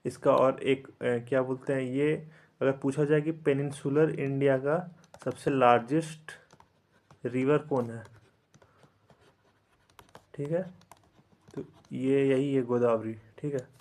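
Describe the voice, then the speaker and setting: A man teaching an exam-prep geography lesson, speaking slowly and repeating terms so they can be memorized, mixing in English words and often saying "theek hai". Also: medium pitch, steady tone, a little mellow. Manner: repetitive drilling, frequent "theek hai" fillers; slow, deliberate recitation for memorizing.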